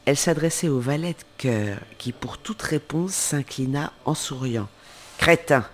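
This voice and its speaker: A man's voice: medium pitch, lively intonation, normal speed, a little mellow. A man reading a children's book aloud, with casual asides and corrections. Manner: informal asides and self-corrections while reading. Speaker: reader.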